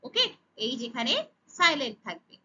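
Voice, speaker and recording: A woman's voice: a little high, expressive, moderate pace, bright, forceful tone, husky, dull audio. A woman teaching English grammar to children, speaking with a Bengali accent, asking and answering her own questions and saying "okay" often. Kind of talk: explaining grammar lesson.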